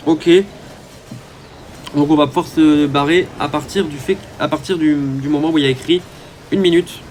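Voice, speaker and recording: A man with a slightly higher voice talks his way through a mobile strategy game, chatty and hesitant, filling pauses as he thinks aloud. Faint noise sits behind his voice. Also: steady tone, darkish tone. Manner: chatty, hesitant, many "euh" fillers. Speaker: gaming YouTuber. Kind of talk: casual gameplay commentary.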